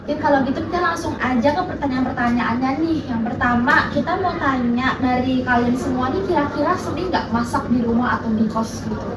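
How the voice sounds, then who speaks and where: A woman acting as assistant moderator of a student focus group, asking questions in a bright, encouraging way. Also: sits high, a little fast, few pauses. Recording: echoey room, far from mic, background noise.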